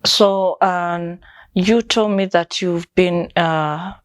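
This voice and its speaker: A woman's voice: fairly low pitch, steady tone, extremely slow, smooth. A woman hosting her own show, thanking viewers politely and interviewing a guest. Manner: polite, many thank-yous, frequent mm-hmms. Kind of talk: vlog intro and interview.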